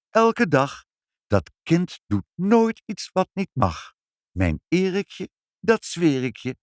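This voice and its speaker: A man's voice: dry recording, studio quality. A man voicing a proud, pompous mayor's wife in a children's storybook, with a gushing, prim manner. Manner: gushing, boastful, high and prim.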